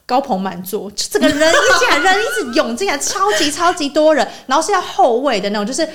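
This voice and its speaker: A woman's voice: high voice, big pitch swings, a bit bright. A woman co-hosting a casual podcast chat, telling exasperated stories. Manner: exasperated, rapid storytelling. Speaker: podcast co-host.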